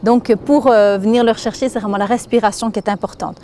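A woman's voice: medium pitch, fairly even intonation, quick pace, mellow, a little hiss or hum. Belgian woman coaching exercises. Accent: Belgian French. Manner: counts and breathes through moves while explaining. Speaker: fitness instructor. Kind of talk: exercise demonstration.

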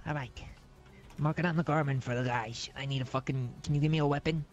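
A man role-playing in a game who sounds angry and keeps swearing. His voice sits high. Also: steady tone, fast talker, muffled recording. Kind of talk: game role-play in character.

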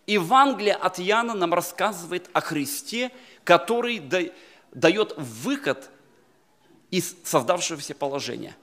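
A middle-aged man preaching a sermon to a church congregation in an emphatic manner that rises to loud exclamations. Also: high-pitched, expressive, unhurried. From Slavic Baptist emigrant community in California. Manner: emphatic, rising to loud exclamations, addresses congregation as brothers and sisters. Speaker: pastor. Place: church hall.

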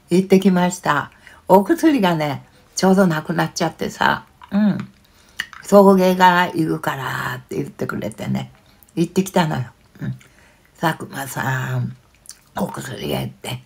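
An older woman chatting casually on a live stream, reading viewer comments aloud with frequent soft fillers. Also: low voice, gravelly.

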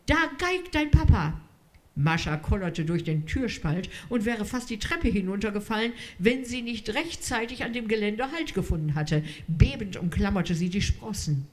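A woman reading a literary story aloud in a measured storytelling manner. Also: medium pitch, darkish tone. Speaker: reader.

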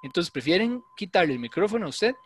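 A man's voice: high voice, very animated, quick pace, slight background noise. A man giving a university lecture, explaining in a conversational way and checking often with "¿verdad?". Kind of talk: online class lecture.

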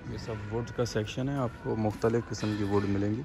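A man's voice: on the low side, steady tone, a little fast. A man in his thirties from Pakistan vlogs casually while walking through a big hardware store, rambling and thinking aloud with fillers, recorded on a phone he carries. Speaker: vlogger. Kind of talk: casual walking-tour vlog. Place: big-box hardware store, indoors, then outdoor parking lot. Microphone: phone held by the walker, then at arm's length. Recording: loud music under voice.

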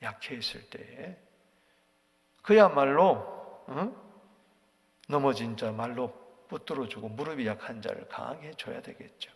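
A man's voice: mid-range voice, animated, a little slow, creaky, long pauses. A male pastor preaching an early-morning sermon, leaping between mocking voices and near whispers. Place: church sanctuary. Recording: reverberant church sanctuary.

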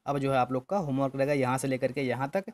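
A man's voice: medium pitch, steady tone. Patient man teaching kids phonics. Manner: patient, repetitive, spells out each word slowly. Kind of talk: slow, syllable-by-syllable phonics lesson for small children.

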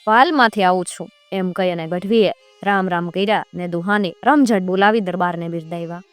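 A woman storyteller narrating a folk tale in a measured, expressive way. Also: on the low side, soft background music.

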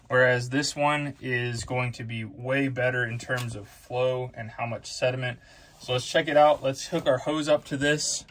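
A man's voice: medium pitch, a bit bright. A man hosting a do-it-yourself video, casually explaining each step of a repair in a basement utility room. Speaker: DIY HVAC video host. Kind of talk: casual how-to demonstration.

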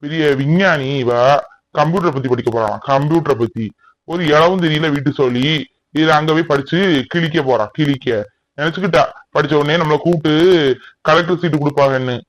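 Man doing sarcastic older brother, slightly high, dry sound, cartoon. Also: brisk, dry recording, close to an everyday voice, poor audio. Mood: mocking. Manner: sarcastic, dismissive. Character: stern older brother, mocking.

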